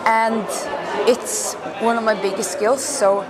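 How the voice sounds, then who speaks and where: A woman from Norway, a competitor, answering interview questions earnestly with hesitant pauses. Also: a little high, flat delivery. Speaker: competition participant. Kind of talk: on-the-spot interview. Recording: loud crowd and noise at an event.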